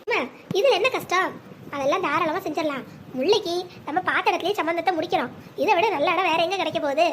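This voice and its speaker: A protective young cartoon brother reassures his family in a steady, caring way, acted by a woman. The voice stays very high for a man and moves briskly. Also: slight background noise. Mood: reassuring. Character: caring young adult son and elder brother.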